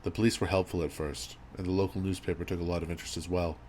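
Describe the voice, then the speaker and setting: A man reading a scripted horror story as narrator, in a measured, grave storytelling manner. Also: sits low, flat delivery, a little mellow. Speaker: creepypasta narrator. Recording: audible background noise and ambience.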